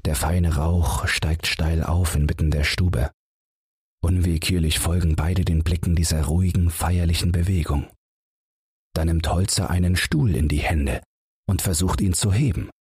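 A man reading a bedtime audiobook in a calm, unhurried manner with a husky voice, close to the mic. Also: deep voice, no room sound. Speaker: audiobook narrator.

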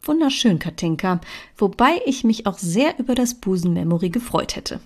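A woman reading as a soft, tender young woman. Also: mid-range voice, big pitch swings, moderate pace.

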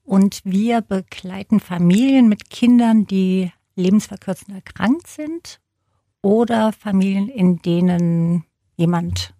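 A woman's voice: mid-range voice, slow, warm tone, no room sound. A woman being interviewed in a studio, explaining things earnestly with plain everyday examples. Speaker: interview guest, hospice service coordinator. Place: radio studio.

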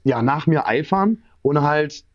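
Man, slightly high voice, chatty storytelling guest, dull recording. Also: measured pace. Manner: lively anecdotes, acting out both sides of phone calls. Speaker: interview guest, former stripper and agency owner. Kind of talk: casual storytelling in an interview. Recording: dull lo-fi sound.

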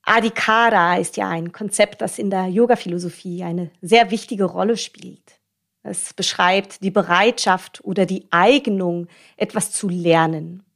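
A woman podcast host with a medium-pitched voice and plenty of creak. She explains things directly to her listeners. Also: measured pace, a bit bright.

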